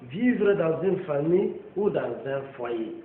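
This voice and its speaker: Guy preaching slow n emphatic, lively up-and-down voice, tinny echoey recording w faint rumble. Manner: slow, emphatic preaching with long pauses and frequent "amen". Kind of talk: sermon.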